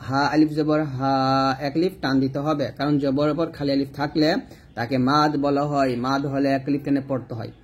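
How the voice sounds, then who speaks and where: A man teaching recitation, who explains pronunciation letter by letter and then chants verses slowly with long drawn-out vowels. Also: mid-range voice, steady tone, husky. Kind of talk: recitation lesson.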